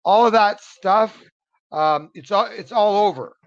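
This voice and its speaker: Over a muffled video call, an earnest man from the United States works as an English tutor in a motivational one-on-one online lesson. His high-pitched voice moves at a measured pace, and he encourages his student, repeating words as he hunts for them.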